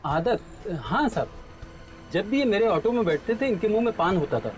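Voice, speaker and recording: विनम्र ऑटो चालक, थोड़ी ऊँची आवाज़. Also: male voice, high-pitched, big pitch swings, normal speed. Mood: earnest. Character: respectful, cooperative male auto-rickshaw driver being questioned. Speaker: actor in a crime drama series. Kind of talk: TV crime drama acting. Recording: music behind the voice.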